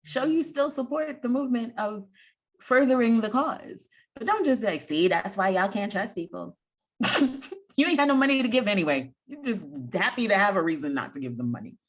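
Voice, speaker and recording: A woman co-hosting a casual, opinionated chat in an animated way. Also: a little high, fairly quick. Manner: animated, acts out imagined quotes, laughs easily. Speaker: podcast co-host.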